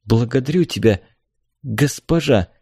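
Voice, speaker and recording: A man voicing a quiet, soft-spoken young woman in a storybook reading. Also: medium pitch, expressive, unhurried, breathy edge, no echo, clean studio sound.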